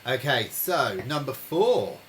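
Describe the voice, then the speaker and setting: A man hosting a live-streamed pub quiz from home, chatting with viewers and reading each question slowly, then repeating it. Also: medium pitch, sing-song, fairly bright tone, slight background noise, rough recording. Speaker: quiz host. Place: home during lockdown.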